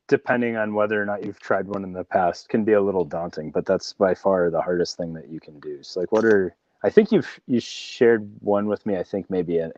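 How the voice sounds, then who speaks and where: A very low-pitched man hosting a relaxed chat, rambling and encouraging his guest. His voice sounds dry, close and a bit muffled. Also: no room sound. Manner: encouraging, rambling, tags questions with "right?". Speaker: podcast host. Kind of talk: casual interview chat.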